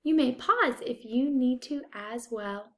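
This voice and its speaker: A woman speaking as a first-grade teacher, giving a spelling test dictation with deliberate, enunciated delivery. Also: sits high. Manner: deliberate, enunciated, repeats single words. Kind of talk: spelling test dictation, word then example sentence.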